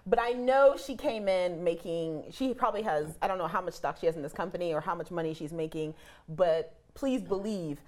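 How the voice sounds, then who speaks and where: A woman co-hosts a relaxed panel chat and gives frank, emphatic opinions. Her voice sits somewhat low. She stresses her points firmly. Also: brisk. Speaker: co-host.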